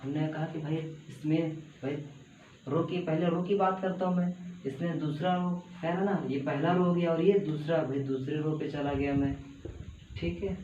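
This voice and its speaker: A man's voice: on the high side, steady tone, normal speed, dark tone. A man teaching a math lesson at a board, repeating steps and coaxing students along. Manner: repetitive, coaxing, says "bhai" and "hai na" often. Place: classroom with a small board. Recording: echoey room, slightly dull audio with faint background noise.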